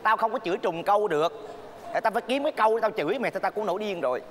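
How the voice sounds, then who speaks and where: A man's voice: high-pitched, expressive, racing, slight background noise. An actor playing a fussy, dramatic middle-aged mother who nags her daughter, in a stage comedy sketch. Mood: nagging. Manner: exaggerated nagging, theatrical complaints.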